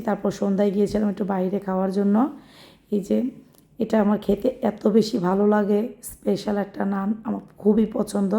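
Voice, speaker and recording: A young woman with a hoarse, very dark, mellow voice narrates a home cooking vlog. She talks in a homely, chatty way and keeps her pitch flat and even as she walks through each step. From Bangladesh. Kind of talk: casual voice-over narration of a daily vlog.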